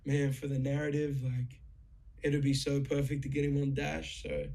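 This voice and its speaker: A young man telling a story in a casual chat, excited, swearing freely and full of fillers. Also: medium pitch, moderate pace. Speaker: guest musician.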